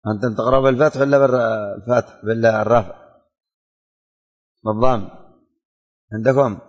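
A man's voice: medium pitch, steady tone, brisk, muffled recording. A man teaching a religion class in a classroom, quizzing students by name and repeating his questions. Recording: hall reverb.

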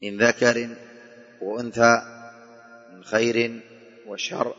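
A male teacher giving a Quran commentary lesson. He dictates to his students, repeats key points and recites verses slowly between his explanations. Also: medium pitch, flat delivery, a bit bright, soft background music. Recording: dull echoing hall recording.

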